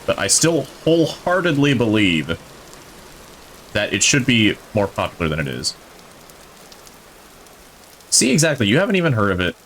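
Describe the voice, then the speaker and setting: A male streamer with a fairly low voice that swings widely in pitch as he talks. He rambles through casual gameplay commentary, thinking aloud and gushing with enthusiasm. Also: big pitch swings, moderate pace, pauses often, fairly bright tone, slight background noise. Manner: enthusiastic about the game.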